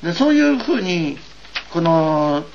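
A man's voice: fairly high pitch, very animated, unhurried, gravelly, a little mellow. An older man from eastern Japan gives an earnest, wry and digressive doctrinal lecture as a religious teacher. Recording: dull lo-fi recording with faint hiss.

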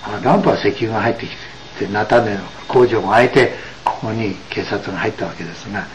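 A man giving an explanatory religious lecture, emphatic and full of drawn-out asides. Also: on the low side, a little hiss or hum, low-quality recording. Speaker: religious teacher.

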